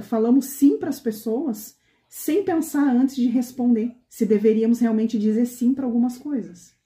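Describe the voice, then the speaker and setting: High mellow woman preaching in echoey hall. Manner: conversational, often asks the women questions. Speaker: pastor. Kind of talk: sermon to a women's meeting.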